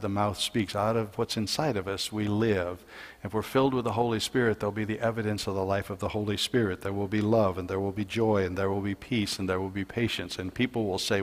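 A man preaching a sermon as a pastor, telling a Bible story and building louder and higher in the dramatic parts. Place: church sanctuary. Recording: long hall reverb in church.

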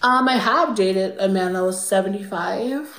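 A young adult woman with a natural, fairly bright, medium-pitched voice at a moderate pace, improvising a comedic livestream character: a spoiled, shameless rich girl with an airy drawl. She sounds smug and breezy, filmed on a phone's front camera in an indoor room lit pink, with roomy audio.

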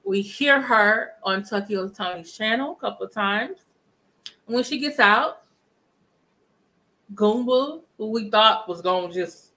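A woman's voice: a little high, pushed and bright, poor audio. A middle-aged woman hosting a casual live commentary stream from her living room, talking emphatically and greeting chat viewers. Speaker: livestream commentary host. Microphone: webcam at desk distance.

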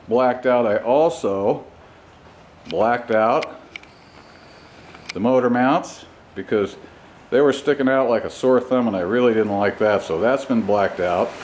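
Speaking at a medium pitch, this man gives a relaxed, unhurried walkaround of a custom motorcycle build, his phrases broken up by pauses. He's a vlogger and home mechanic recording in his own garage with the door open, and the handheld camera mic yields a noisy clip, just like a hobbyist's garage footage.

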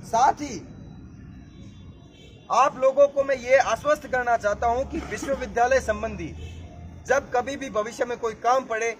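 A man in his twenties giving a booming political rally speech as a student candidate, emphatic and exhorting. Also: normal speed, long pauses. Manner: emphatic, exhorting, addressing a crowd. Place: outdoors in a campus yard before a standing crowd. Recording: noisy outdoor crowd gathering.

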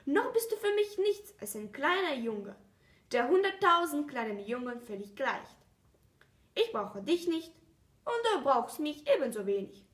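A woman voicing a gentle, curious male fox in a storybook reading, earnest and coaxing, recorded with a roomy echo. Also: high-pitched, very animated, measured pace. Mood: wistful.

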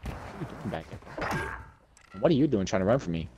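A man playing an online shooter with friends, swearing and excitable as he calls out plays. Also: lowish voice, normal speed, background noise. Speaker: gamer on a stream. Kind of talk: casual gaming banter. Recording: loud game music and gunfire behind. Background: game music and gunfire.

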